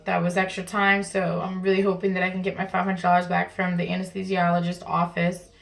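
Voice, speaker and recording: Chatty woman vlogger with a creaky voice. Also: fairly low pitch, completely flat delivery, a little fast. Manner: chatty, informal, explanatory. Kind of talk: casual vlog talk to camera. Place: at home in a bathroom.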